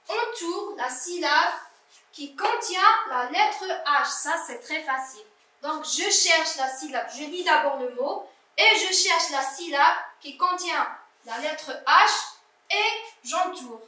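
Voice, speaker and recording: Slow and deliberate, a female primary school teacher goes through exercise corrections with young pupils, pronouncing words syllable by syllable. Her tone is high and bright, and the mic picks her up from a distance in a very echoey space.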